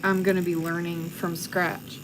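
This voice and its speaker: A woman's voice: on the low side, little pitch movement, unhurried, background noise. Frank, opinionated woman tattoo artist. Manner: frank, opinionated, laughs easily. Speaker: tattoo artist and channel host. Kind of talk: casual livestream chat while tattooing.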